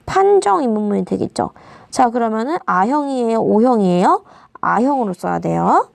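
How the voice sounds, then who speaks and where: Woman teacher going thru grammar for an exam, bouncy sing-song voice w some gravel, dry close mic. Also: fairly high pitch, very animated, moderate pace, no room sound. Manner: explains step by step, asks students questions. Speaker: Korean language teacher. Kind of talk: exam-prep lecture.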